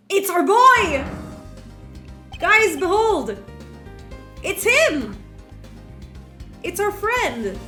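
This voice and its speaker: A woman voicing an excitable young female sidekick in a mystery game, bubbly and eager, with music behind. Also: high voice, voice pushed up, heavily acted.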